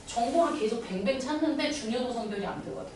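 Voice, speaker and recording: A woman lecturing as a cram-school language tutor, telling blunt, animated stories and sometimes acting out loud scolding. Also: fairly high pitch, quick pace, a little hiss or hum. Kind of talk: classroom lecture with anecdotes. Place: classroom. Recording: echoey classroom picked up from a distance.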